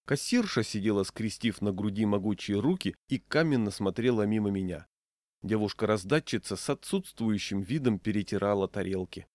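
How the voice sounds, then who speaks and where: A man reading a humorous first-person story aloud in a wry, deadpan manner. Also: fairly low pitch, moderate pace, dry recording. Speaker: narrator.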